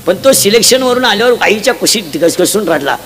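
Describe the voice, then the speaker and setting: A man preaching a humorous devotional sermon, punchy and jokey, quizzing the crowd with sharp calls. He speaks into a stage mic at an outdoor gathering. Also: sits high, lively intonation, fairly quick. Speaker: kirtan preacher. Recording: loud crowd and heavy background noise.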